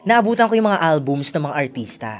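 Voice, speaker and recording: Animated male radio DJ telling stories. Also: on the high side, a little fast, a crowd in the background. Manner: animated storyteller, mixes Tagalog and English. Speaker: radio DJ and podcast guest. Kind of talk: casual chat.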